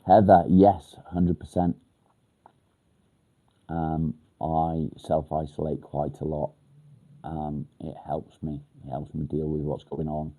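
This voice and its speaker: Very deep and flat, the voice of this English livestream host moves slowly over phone-quality sound. He answers viewer comments in a blunt, casual, to-the-point way, sounding nasal and congested because of a blocked nose.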